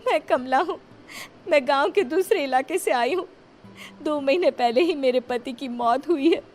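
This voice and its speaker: A woman's voice: sits high, moderate pace, slight background noise, voice pushed up, lightly acted. A woman voicing a pleading pregnant young widow. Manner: pleading, tearful.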